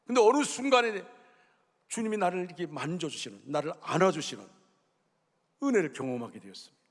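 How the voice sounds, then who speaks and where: A middle-aged man preaching a sermon as senior pastor, telling a personal story with emotion, dropping to a hush and then rising fervently. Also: high-pitched, animated, brisk. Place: church sanctuary. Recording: long reverb of a church hall.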